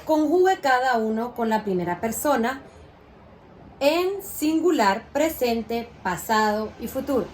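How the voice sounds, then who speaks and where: A woman teaches young children in a slow, patient way, asking questions and cheering the right answers. Her voice sits a little high. Faint background noise runs under the recording. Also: animated. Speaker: primary school teacher.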